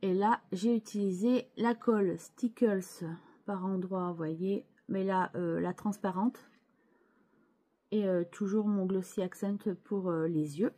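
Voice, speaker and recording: Woman, casual craft show-and-tell, slow pace, mellow voice, hesitant with restarts. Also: medium pitch, steady tone. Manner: hesitant, many fillers and restarts, chatty asides to viewers. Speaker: scrapbooking channel host.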